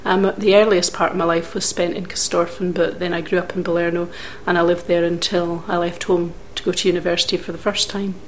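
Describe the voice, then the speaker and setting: A middle-aged Scottish woman from Scotland, recalling her life story in an interview with measured, thoughtful pauses. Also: lowish voice, little pitch movement, slight background noise. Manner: measured, thoughtful recollection with occasional hesitations.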